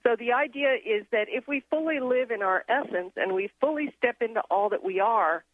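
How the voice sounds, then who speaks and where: A woman's voice: fairly high pitch, normal speed, no room sound. A woman raised in Thailand, speaking as a radio guest, explains her ideas earnestly and at length. Her voice comes through a thin, tinny phone line. It sounds dry and close. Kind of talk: casual radio interview.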